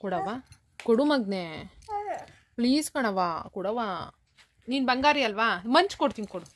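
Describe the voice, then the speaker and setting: A woman's voice: fairly high pitch, lively intonation, moderate pace. A woman speaking with a Kannada accent, coaxing and bargaining with a toddler at home in sing-song baby talk. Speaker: vlogger parent.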